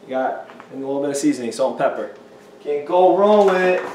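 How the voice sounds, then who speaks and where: Recorded from a distance in an echoey home kitchen with faint noise, a young personal trainer talks fast and animatedly in a fairly high, slightly mellow voice. He hypes things up in this casual cooking video, upbeat and often saying "you know."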